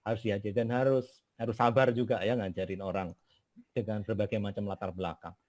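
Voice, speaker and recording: A man's voice: fairly low pitch, steady tone, brisk, darkish tone, no echo. A man, a government guest in a casual talk, mostly agreeing in short replies. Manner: agreeable, brief assents. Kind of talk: casual conversation.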